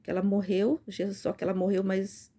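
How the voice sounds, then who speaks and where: A woman's voice: mid-range voice, monotone, a little fast, mellow. A Brazilian woman earnestly sharing a religious testimony in casual speech, often turning to her listeners. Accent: Brazilian Portuguese. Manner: earnest, repetitive, addresses listeners as "gente". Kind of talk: informal spoken testimony.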